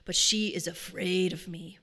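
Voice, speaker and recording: A woman's voice: lowish voice, steady tone, unhurried, a bit bright, in a large hall. A woman quoting her elderly father, a defiant old man who is unafraid of death and makes proud, solemn declarations.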